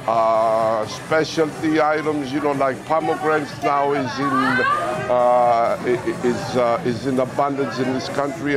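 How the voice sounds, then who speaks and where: An older man from Greece, a grocer answering interview questions in a halting way, restarting his sentences, inside a grocery store. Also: medium pitch.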